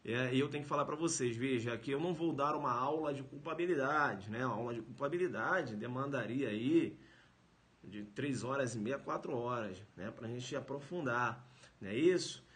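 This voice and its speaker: A man's voice: medium pitch, moderate pace, fairly bright tone. A man with a Brazilian Portuguese accent giving a live-streamed law lecture, emphatic, repeating phrases and adding tag questions. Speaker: law teacher.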